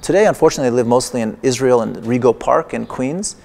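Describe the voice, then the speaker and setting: A man whose native language is Persian, an artist, gives a lecture performance in a large museum exhibition hall full of long, echoing reverb. His mid-range voice is fast, gravelly and a little mellow. He is wry and digressive, with playful humor.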